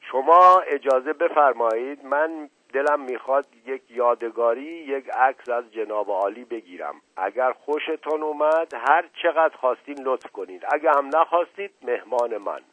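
A man voicing a boastful, smooth-talking male street photographer with bragging, overly polite sales talk, in a dull lo-fi radio recording. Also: medium pitch, lively intonation, hardly any pauses, a bit bright, dry recording, voice pushed up. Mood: ingratiating.

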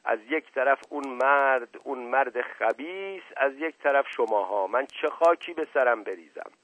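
A man's voice: mid-range voice, dry recording, lightly acted. A man voicing a paranoid, pompous older male family patriarch in a story reading, indignant and dramatic. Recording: dry, slightly dull audio.

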